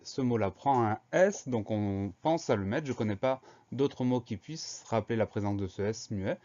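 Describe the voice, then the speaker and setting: A man's voice: medium pitch, a little mellow, lo-fi sound. A man teaching a spelling lesson, patiently breaking words into syllables and spelling them out letter by letter.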